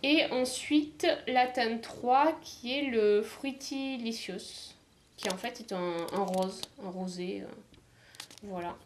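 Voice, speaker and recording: Woman from southern france doing a casual makeup haul, lots of ums and restarts, kinda high voice. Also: slow, noisy background. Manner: hesitant, many fillers and restarts. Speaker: beauty vlogger. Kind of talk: casual haul video chat.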